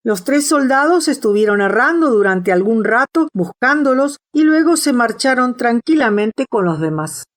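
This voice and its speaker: A woman reading a classic children's novel aloud as an audiobook narrator, in a steady, measured way. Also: a little high. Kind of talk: scripted storybook narration.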